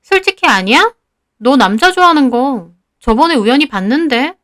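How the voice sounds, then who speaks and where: A woman voicing a spiteful teenage schoolgirl with a sharp, needling way of talking. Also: high voice, lively intonation, normal speed, dry recording, studio quality, voice pushed up. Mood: taunting.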